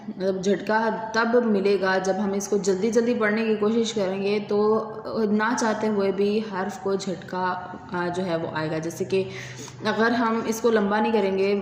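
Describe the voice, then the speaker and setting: A woman teacher with a Pakistani Urdu accent, giving a patient classroom lesson and slowly sounding out letters. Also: mid-range voice, a little mellow. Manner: patient, drawn-out letter recitation. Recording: echoey hall, faint room noise.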